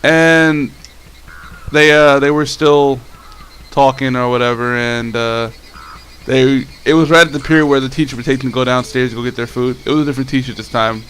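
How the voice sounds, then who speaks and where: A man's voice: medium pitch, steady tone, moderate pace, fairly bright tone, a little hiss or hum. A young man casually telling a story on his vlog, rambling and swearing, with many restarts. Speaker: vlogger.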